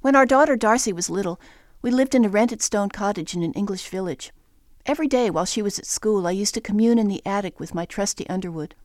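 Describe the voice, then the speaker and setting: An older woman reads her own poems and a short story about her daughter. Her voice is gentle and measured, with an unhurried storytelling lilt. The recording is dry and close, with no room sound. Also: mid-range voice, no room sound. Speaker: poet. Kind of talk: reading personal essay and poems.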